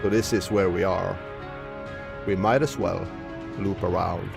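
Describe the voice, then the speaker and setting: A man's voice: sits low, steady tone, unhurried, creaky, over music. A man from Norway, casually commenting on a live game stream and reading game text aloud. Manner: reads game text aloud, muses to chat.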